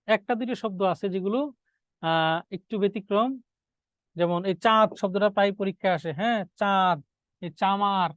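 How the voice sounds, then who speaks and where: Male teacher, higher-pitched voice, dry close sound; drills exam points by asking and answering, dictates notes. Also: no echo. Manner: repeats key points as questions to students, then answers them; dictates notes, slowing on key words. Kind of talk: exam-prep grammar lecture.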